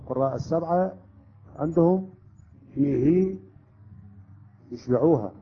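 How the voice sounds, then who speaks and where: A man's voice: on the high side, unhurried, husky. A man teaching a class, explaining rules step by step and often checking with students. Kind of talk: classroom lesson on Quran recitation rules. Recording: dull lo-fi recording.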